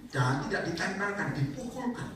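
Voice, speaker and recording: A male evangelist, preaching an animated sermon that swings into loud shouted peaks and acted-out scenes. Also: sits high, brisk, noisy background. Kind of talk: lively church sermon. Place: large church hall. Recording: echoey hall, distant mic.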